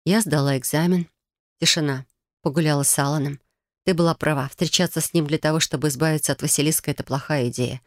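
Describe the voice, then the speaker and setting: A woman with a low voice reads a first-person story aloud as an audiobook. The recording is dry and close, with no room sound. Her delivery is measured and even. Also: no echo. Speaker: audiobook narrator.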